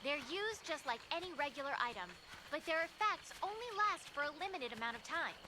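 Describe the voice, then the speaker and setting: Bright game handler. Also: female voice, high-pitched, expressive, fairly quick. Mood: briefing. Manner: briefing, instructive. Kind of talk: scripted game dialogue. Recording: game audio with loud background noise.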